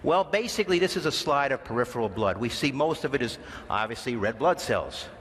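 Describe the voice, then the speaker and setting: A man giving a conference lecture as a physician, brisk and informal, talking to the audience as "guys". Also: medium pitch, expressive, a bit bright. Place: large conference hall. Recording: long hall reverb, faint noise.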